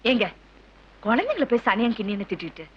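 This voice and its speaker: An actress playing a patient middle-aged wife who calms her angry husband and gently reproaches him. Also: a little high, fast, lo-fi sound, slight background noise. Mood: pleading. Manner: pleading, soothing, gently reproachful. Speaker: wife and mother. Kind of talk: film scene acting.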